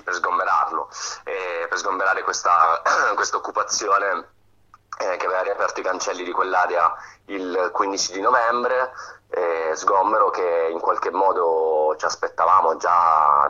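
A man heard through a phone on speakerphone, his very low voice coming across bright and forceful. The line is dull and lo-fi, as on a live radio call-in. He talks haltingly, with many fillers and restarts. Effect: heard over a phone on speakerphone. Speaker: phone-in guest reporting events.

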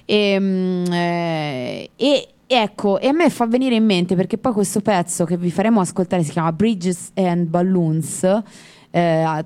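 Chatty woman with a dark, mellow voice. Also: lowish voice. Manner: chatty, digressive, laughs easily. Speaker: radio co-host. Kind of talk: casual music radio chat.

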